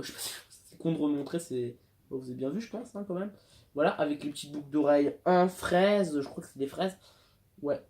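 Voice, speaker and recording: Young male vlogger, slightly high voice, hesitant and rambling, self-deprecating humor, casual home-video feel. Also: a little mellow. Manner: rambling, hesitant, many fillers and self-mocking asides. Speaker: YouTuber showing collectible figures. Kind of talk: casual unboxing vlog.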